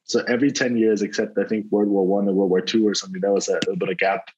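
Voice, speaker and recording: Deep flat-voiced man. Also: racing, slightly rough. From Germany. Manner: relaxed, rambling, many fillers and restarts. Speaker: venture capital investor, guest. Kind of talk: casual interview over a call. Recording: dull lo-fi call audio.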